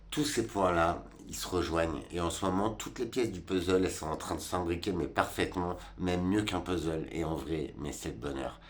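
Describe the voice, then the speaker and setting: Very deep-voiced man in his forties. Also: slight background noise. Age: 40s. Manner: rambling, colloquial, talks straight to the viewer. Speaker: vlogger. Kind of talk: casual reflective monologue.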